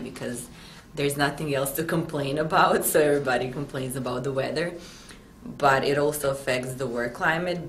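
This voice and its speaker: Young woman, really low voice, roomy echo, chatty opinions in an interview. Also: a little hiss or hum. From Croatia. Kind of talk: interview answers to camera.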